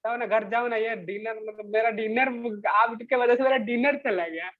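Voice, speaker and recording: Male teacher, high voice, unhurried delivery, dull lo-fi sound, reads a line then explains it. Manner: reads English sentences slowly, then explains them in Hindi. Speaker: English teacher. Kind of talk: bilingual class explanation.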